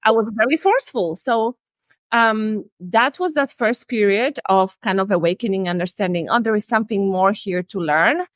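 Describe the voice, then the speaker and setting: Medium-pitched and moderately paced with no echo, this woman's voice belongs to a life and relationship coach in her forties from Poland. Her Polish accent and slightly non-native phrasing accompany candid personal storytelling that is earnest and reflective, delivered over a video call from a home room indoors.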